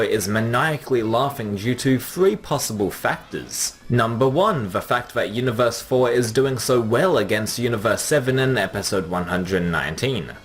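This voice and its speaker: A man presents a scripted episode preview breakdown as an online host. His delivery is measured and explanatory, with an ordinary mid-range pitch. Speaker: video host, anime commentator.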